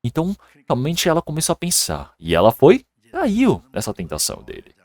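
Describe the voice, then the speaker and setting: A man's voice: on the high side, huge pitch swings, a little fast, darkish tone, no room sound. A male pastor preaching a sermon in a church and retelling a story with acted voices.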